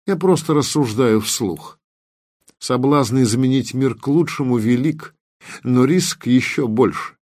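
A man's voice: medium pitch, a little slow, a little mellow, no echo, clean studio sound, close to an everyday voice. Man voicing a wry, musing security officer. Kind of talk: audiobook character reading.

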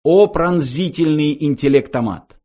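A man's voice: on the high side, unhurried, dark tone, voice pushed up, natural voice. A man voicing an earnest male programmer who addresses the computer in a declamatory way. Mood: eager.

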